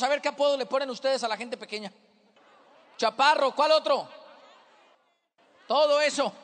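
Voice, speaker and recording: High-voiced man giving a fiery stage talk. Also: fairly bright tone. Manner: emphatic, joking, addresses the audience directly. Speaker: motivational speaker. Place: stage before a live audience. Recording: long hall reverb.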